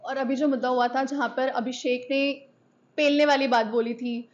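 A woman's voice: high voice, little pitch movement, normal speed. A woman interviewer asking long, detailed questions about events on a reality show. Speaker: entertainment interviewer. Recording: dull, muffled audio.

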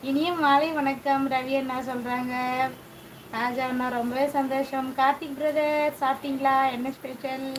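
A high-pitched woman with a Tamil accent runs a chatty live stream from her kitchen, cooking as she greets viewers one after another. She talks into a phone, with faint noise in the background. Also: level tone, moderate pace, rough recording. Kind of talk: casual live chat reading viewer comments.

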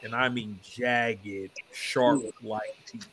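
A man's voice: mid-range voice, fairly even intonation, very slow, background noise. A man narrating as the game master of a tabletop game, in a laid-back, loose storytelling way. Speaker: dungeon master.

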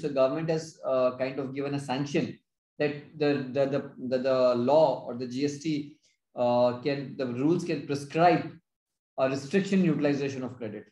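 A man with an Indian accent explaining as a consultant in a webinar, haltingly, often repeating and rephrasing his phrases. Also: a little high, mellow. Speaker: tax consultant presenting a webinar. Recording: roomy, echoing webinar audio.

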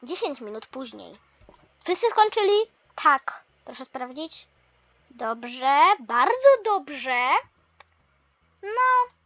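A woman's voice: high-pitched, very animated, very slow, long pauses, bright, forceful tone, no room sound, dull audio, exaggerated voice. A woman voicing a patient young male math teacher in a toy role-play lesson, explaining step by step with mild teasing.

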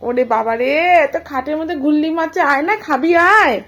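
A woman's voice: high voice, brisk, a bit bright. A woman with a Bengali accent, a mother vlogging at home and coaxing her small child in a sing-song voice. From India. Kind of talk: casual home vlog talk to a toddler.

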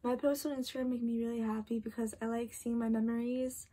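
Here the same kind of scene: an 18-year-old vlogger, nearly 19, talks to camera from her bedroom late at night, weary and rambling with frequent "like" and "literally." Her fairly high voice is flat, quick, mellow and a bit rough.

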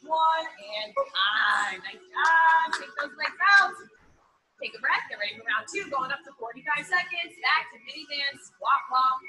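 Very bright, high-pitched woman aerobics instructor. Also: rough recording. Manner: peppy, encouraging shouts and cheers. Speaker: group fitness instructor. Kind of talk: aerobics instructor calling out and counting down a workout. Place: large indoor gym. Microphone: a few feet from the camera.

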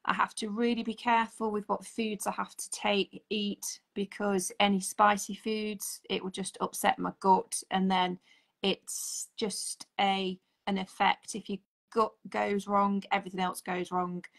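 A woman's voice: mid-range voice, level tone, unhurried, creaky, a bit bright. A woman in her forties, a holistic therapist, chatting earnestly as a guest on a video call. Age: 40s. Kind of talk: casual video-call chat. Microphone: video call, audio only.

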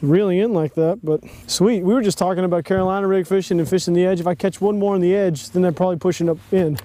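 A young man, chatting excitedly from a bass boat on a lake while he fishes and films himself on an action camera. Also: fast. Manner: excitable, chatty, lots of exclamations. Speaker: fishing vlogger. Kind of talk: casual outdoor chat while fishing. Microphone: action camera mounted on the boat.

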